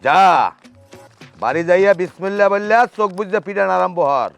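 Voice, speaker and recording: বরিশালি টানে মন্ত্র জপা কবিরাজ, উঁচু গলা. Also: male voice, sits high, animated, fast, vocal fry, smooth, faint music behind. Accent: Barishal Bengali. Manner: chanting, bossy. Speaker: fake healer. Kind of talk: comic sketch acting.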